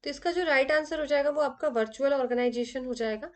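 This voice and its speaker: A woman teaching an exam revision lesson. She reads English questions slowly, then explains them in Hindi with everyday examples. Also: high voice. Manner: explains with everyday examples, calls students "beta".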